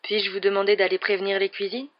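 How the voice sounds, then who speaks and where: A wise old wizard headmaster, calm and kind, taking his time over each phrase, as an audiobook reader puts him on. The sound is dull and lo-fi, like an older audiobook recording. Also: mid-range voice, quick pace, close to an everyday voice. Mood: kindly.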